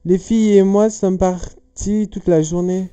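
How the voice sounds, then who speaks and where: Man voicing a young woman suspect, plain reading, slow, very dark mellow tone, dry sound. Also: high voice, steady tone, smooth, faint music behind, voice pushed up. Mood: matter-of-fact. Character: young woman suspect giving her alibi.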